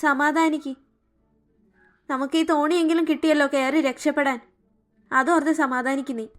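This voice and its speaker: A woman's voice: high voice, steady tone, moderate pace, voice pushed down, natural voice. A woman voicing a soothing adult relative in a cartoon story, consoling the others.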